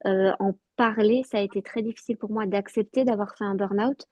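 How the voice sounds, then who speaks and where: Earnest woman with a warm, dry voice. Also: mid-range voice, fairly even intonation, no room sound, lo-fi sound. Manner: halting, many fillers and restarts, earnest. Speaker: panelist giving a testimony. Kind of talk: personal testimony in an online talk.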